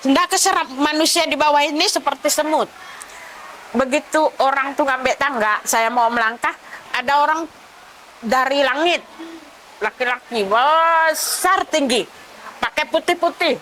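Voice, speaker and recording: A woman with a high voice recounts a dream in a rambling, emotional testimony, close to tears. She drops her voice low whenever she quotes someone else. A faint hum of ambience sits behind her. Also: moderate pace, long pauses, fairly bright tone, poor audio. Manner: rambling, acts out dialogue, drops voice low for others' words. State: tearful. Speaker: convert telling her testimony.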